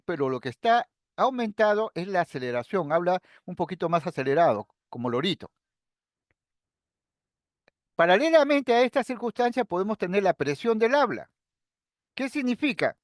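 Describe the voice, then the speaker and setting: A man's voice: high voice, very animated, moderate pace, no echo, clean studio sound. A middle-aged man lecturing to students, explaining step by step and speaking to them directly. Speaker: psychiatry lecturer. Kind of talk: recorded lecture.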